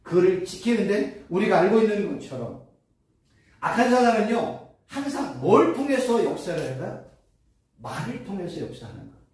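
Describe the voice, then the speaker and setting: A woman professor teaching theology to a class, lively, repeating key phrases and answering her own questions. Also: mid-range voice, normal speed. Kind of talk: lecture to a class. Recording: distant mic in echoey room.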